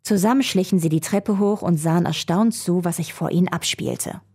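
A woman reading a children's adventure story aloud, telling it in a calm, even way. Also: fairly low pitch, normal speed, husky.

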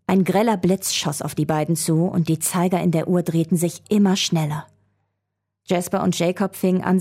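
A woman reading a children's adventure story aloud, telling it in a calm, even way. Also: fairly low pitch, slightly rough.

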